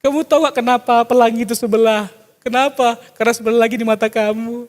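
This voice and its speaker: High-voiced preacher in a reverberant hall. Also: male voice, steady tone, fast. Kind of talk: sermon with jokes. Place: church hall. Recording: long church hall reverb.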